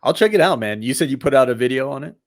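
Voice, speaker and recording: A man's voice: medium pitch, animated, racing. A man in a casual chat about crypto investing, talking in a laid-back, slangy, agreeable way.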